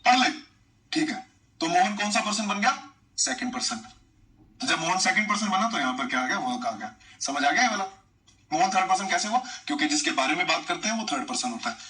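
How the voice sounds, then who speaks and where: A man's voice: sits high, expressive, fast, sharp tone, far from the mic, rough recording. A man teaching English grammar, chatty, repeating points and quizzing his students. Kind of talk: live online class, explaining in Hindi.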